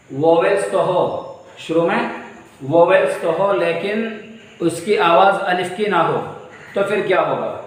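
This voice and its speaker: A man's voice: high voice, slight background noise. Echoey, distant man teaching a lesson. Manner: patient, repetitive explaining with rhetorical questions. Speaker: English teacher. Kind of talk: classroom lesson explaining grammar. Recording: echoey room from far off.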